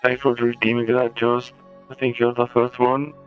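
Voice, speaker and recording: A man chats haltingly over his gameplay, his voice run through a crunchy, bitcrushed eight-bit robot filter. The sound is dull and lo-fi, and his pitch stays flat. Faint game music plays underneath. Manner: halting, with many pauses. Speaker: game streamer. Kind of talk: casual gameplay commentary. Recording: lo-fi filtered stream audio.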